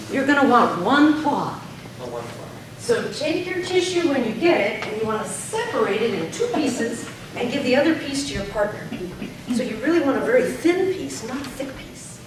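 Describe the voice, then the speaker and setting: A woman coaches a room of speakers, her slightly high voice rising and falling widely as she draws words out. She sounds distant from the mic, in a strongly echoing meeting room. A steady hiss sits behind her. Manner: exaggerated drawn-out syllables when demonstrating. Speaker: speech coach. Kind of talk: teaching a workshop. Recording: echoey room, far from the mic, noisy.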